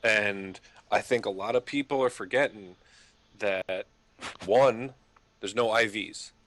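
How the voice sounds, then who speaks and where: Lower-voiced man arguing his point. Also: takes it slowly, a bit bright. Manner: argumentative, hedging with fillers, swearing. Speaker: podcast co-host. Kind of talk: casual sports chat.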